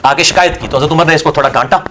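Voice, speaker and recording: A Pakistani man, a religious scholar answering questions in a heated Q&A, scornful and forceful, firing rhetorical questions. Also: a little high, a little hiss or hum.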